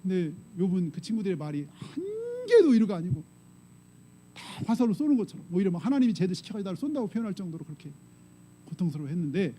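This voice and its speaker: A male pastor preaching a sermon in a conversational style, often pausing to prompt the congregation with short questions. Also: high-pitched, mellow, slight background noise, poor audio. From South Korea.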